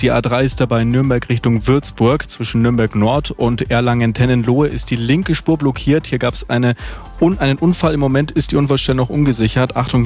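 Male radio traffic reporter, mid-pitched, casual and friendly. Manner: friendly, informal, addresses drivers directly.

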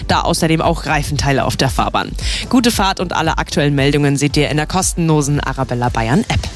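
A woman's voice: low voice, lively intonation, music in the background. A woman giving a friendly, chatty radio traffic report. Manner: friendly, quick, chatty delivery.

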